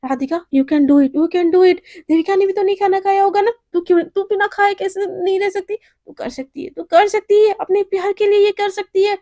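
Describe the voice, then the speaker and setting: A woman voicing a hungry, sulky young assistant who whines softly as she tells a love story. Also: sits high, takes it slowly, few pauses, no room sound. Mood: whiny, hungry. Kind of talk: storytelling with character voices.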